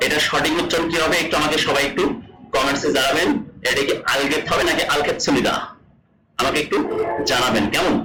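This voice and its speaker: Bangladeshi guy teaching korean sounds, bright tense voice, kinda far from the mic in an echoey room. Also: mid-range voice. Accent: Bangladeshi Bengali. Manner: repeats each example word slowly, asks and answers his own questions. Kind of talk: explaining lesson to online students.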